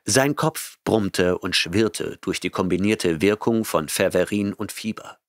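A man narrating a science-fiction audiobook in a measured, even storytelling manner on a close studio mic. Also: deep voice, no echo. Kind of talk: scripted narration.

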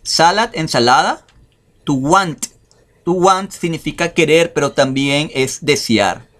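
A man walks through an English vocabulary lesson at an unhurried pace, his voice sitting a little high for a man. He repeats each phrase and checks in with his listeners as he goes, in a relaxed, casual video style. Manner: slow, repeats phrases and adds "verdad". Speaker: English teacher.

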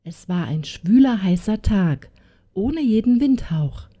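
A woman narrating a fairy tale audiobook in a slow, expressive way. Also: medium pitch.

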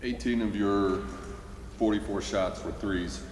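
A man's voice: on the low side, steady tone, a little slow, darkish tone. A man asking a coach detailed, stat-based questions at a press conference. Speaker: sports reporter. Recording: echoey room with faint hiss.

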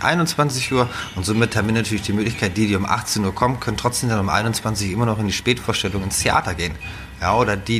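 A head chef from northern Germany chats casually in an interview, rambling in a relaxed way with lots of fillers and restarts. His voice sits lowish, and the background is noisy.

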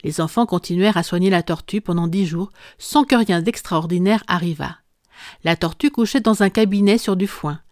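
A woman narrating a classic children's book aloud in a calm, even storytelling manner. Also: lowish voice, moderate pace, no echo, clean studio sound. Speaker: audiobook narrator. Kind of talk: scripted narration.

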